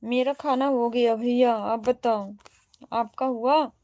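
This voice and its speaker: Woman streamer, Awadhi accent, higher voice, slow chatty delivery reading comments aloud. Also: fairly even intonation, dark tone, no echo. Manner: chatty, greets and answers viewers one by one. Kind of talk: casual livestream chat.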